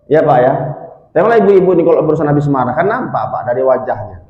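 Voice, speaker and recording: A male preacher telling a story in a sermon, lively and constantly addressing the congregation. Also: fairly high pitch, fast, narrow, tinny audio. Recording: echoey hall.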